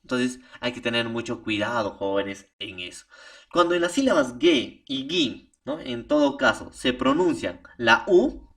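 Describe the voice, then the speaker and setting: A man with a gravelly, medium-pitched voice and a Peruvian Spanish accent gives a recorded remote spelling lesson at a measured pace, picked up from a distance. He's animated and keeps tagging his sentences with "¿no?" and "profesor."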